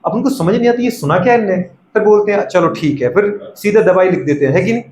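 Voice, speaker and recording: Fast, high-voiced male teacher. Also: a little mellow. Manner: keeps asking students if they follow and calls them "beta"; repeats a verbal filler phrase constantly. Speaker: medical entrance teacher. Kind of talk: classroom-style lecture. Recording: echoey room with faint background noise.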